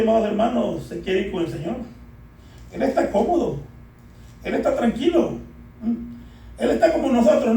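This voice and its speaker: A man's voice: high voice, darkish tone. A man preaching a sermon to a congregation, repeatedly calling out "beloved brothers" and asking them to answer back. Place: church. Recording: echoey church hall, distant from mic.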